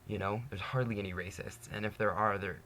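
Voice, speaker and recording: Here a young man from Canada, in his 20s, vlogs a candid personal monologue to camera with earnest sincerity, frequent laughs and a nonstop "you know." His lowish voice is brisk, pushed and bright, with fairly even intonation and a little hiss or hum.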